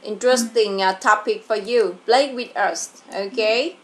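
A woman's voice: mid-range voice, slow pace. A woman with a Vietnamese accent teaching English to a child over a video call, patient and coaxing, repeating words for the child. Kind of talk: online tutoring a child.

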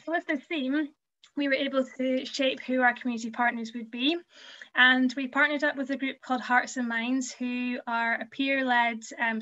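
A museum community learning officer, a young woman, presents at a conference over slides, explaining earnestly and frequently saying um. Her voice, on the high side, is bright and forceful yet a little worn, since she's losing it. The recording comes through a video call webcam, dull and lo-fi.

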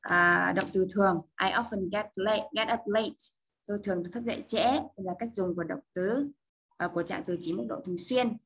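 Husky-voiced woman teaching English. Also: medium pitch, fairly bright tone, low-quality recording. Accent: Vietnamese. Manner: explains step by step, often checks with "được chưa?"; slows down for English example phrases. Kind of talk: bilingual English lesson.

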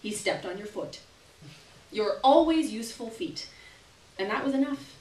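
At a reading event in a small indoor gallery, a young woman performs a short story for a live audience in a fairly high, very lively voice, with deliberate, theatrical phrasing. A distant camera mic captures her in the echoing, roomy space.

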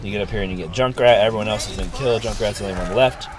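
A man with a fairly low voice talks through a friend's match in an easygoing, encouraging way. He is sick, and his voice sounds worn, with lots of ums as he goes. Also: rapid-fire. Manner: easygoing, upbeat, many ums. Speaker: gameplay reviewer. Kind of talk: casual gameplay commentary.

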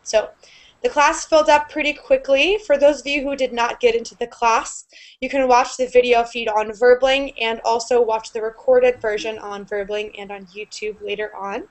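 Brief: young woman, online English teacher, bright-ish higher voice, clear and upbeat, earbud mic on a video call. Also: steady tone, normal speed. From United States. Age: young adult. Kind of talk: live online class. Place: small room indoors. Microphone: earbud headset on a video call.

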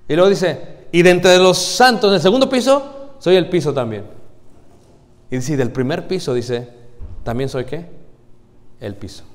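Man preaching in a reverberant church. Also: a little high. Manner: rhetorical questions to the congregation. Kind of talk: sermon. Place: church congregation. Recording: long church hall reverb.

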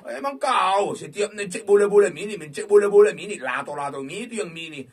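A loud, excitable man calls the game as he plays. His voice sits high and swings wildly up and down, with a husky edge. He sounds a little away from the mic. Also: fast talker. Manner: rowdy, shouting, crude teasing banter. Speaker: slot game streamer. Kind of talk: excited gaming commentary. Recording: voice distant from the mic.

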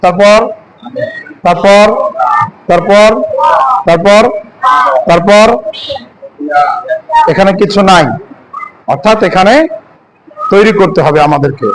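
With a high voice and a slow pace full of pauses, a man teaches Quran reading, focusing on Arabic letters in a classroom setting. He asks questions only to answer them himself and draws out words while reciting, with background noise audible.

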